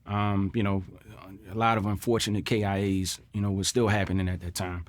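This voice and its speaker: Man, middle-aged, slightly deep voice, military veteran, interview recollection, earnest, reflective, repeats for emphasis. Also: level tone, brisk. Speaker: Marine combat veteran interviewee.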